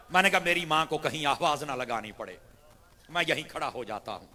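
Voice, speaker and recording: A man preaching a sermon to a gathering. He tells stories and speaks straight to his listeners, at times dropping soft and at times rising to a shout. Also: mid-range voice. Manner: impassioned, swings from soft to shouted; addresses the audience directly. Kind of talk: Urdu sermon with storytelling. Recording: long hall reverb.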